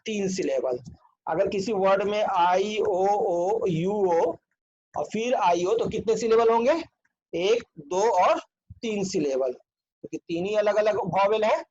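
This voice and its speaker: A man with a fairly high voice teaches a grammar lesson at an unhurried pace, spelling out each word letter by letter. He keeps asking his students whether it is clear. The recording sounds dull and lo-fi. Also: animated, a little mellow. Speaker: English teacher.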